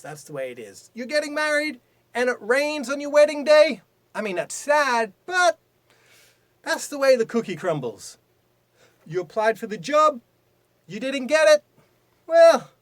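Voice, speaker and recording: A man teaching English idioms in a video lesson, talking emphatically with big swings in pitch and loudness.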